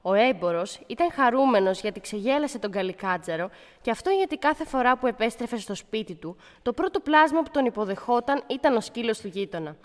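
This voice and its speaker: A woman's voice: fairly high pitch, expressive, in a large hall. A woman narrating a folk tale, speaking directly to the listeners. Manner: warm, addressing the listeners directly. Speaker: storyteller.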